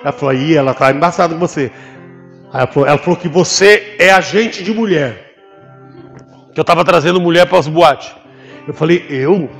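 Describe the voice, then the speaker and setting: A man with a Brazilian Portuguese accent, a pastor giving an animated testimony in church and acting out the voices in his story. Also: fairly high pitch, moderate pace, gravelly, pauses often. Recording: long hall reverb with faint music behind.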